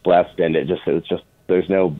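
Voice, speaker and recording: A man's voice: low-pitched, fairly even intonation, brisk. A middle-aged man telling anecdotes casually as an interview guest, informally acting out bits of remembered dialogue. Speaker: interview guest, film producer. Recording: phone-like, band-limited radio sound.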